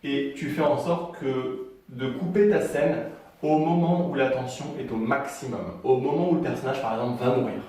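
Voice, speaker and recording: A man's voice: medium pitch, normal speed, a little mellow. Echoey, distant male writing coach. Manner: chatty, frequent fillers and restarts. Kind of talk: casual video lesson.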